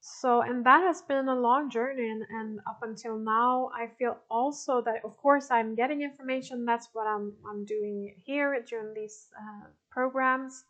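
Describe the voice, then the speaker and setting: A woman in her forties, a spiritual teacher talking casually and haltingly to a group, with frequent restarts and soft laughs. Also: fairly high pitch, fairly even intonation. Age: 40s. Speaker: spiritual teacher answering participant questions. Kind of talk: casual talk to an online group.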